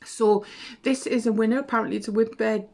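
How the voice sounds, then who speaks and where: A woman's voice: fairly high pitch, fairly even intonation, fairly quick, creaky, mellow. Woman, casual booktube chat, rambling and self-correcting, slight cough. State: has a cough. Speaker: booktube vlogger. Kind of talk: casual book chat to camera.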